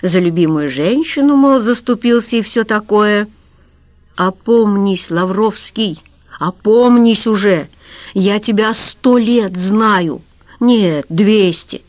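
Lady doing a cold sarcastic boss guy, slow, dry audiobook sound. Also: mid-range voice, a little mellow, dry recording, close to an everyday voice. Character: bitter, contemptuous middle-aged businessman. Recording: dull lo-fi recording.

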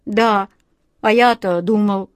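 A woman's voice: mid-range voice, steady tone, slow, dry recording, studio quality, natural voice. A woman voicing an upset young boy near tears, speaking in a shaky voice. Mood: hurt. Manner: shaky, tearful voice.

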